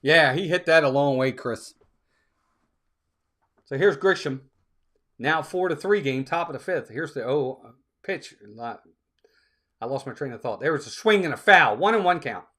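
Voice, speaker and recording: A man running a live fan stream, mixing play-by-play calls with blunt replies to his chat. His voice sits a bit high and moves widely in pitch. He talks directly to viewers and repeats key phrases for emphasis. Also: lively intonation, measured pace, long pauses, pushed and bright. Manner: talks straight to viewers, scolds trolls, repeats himself for emphasis.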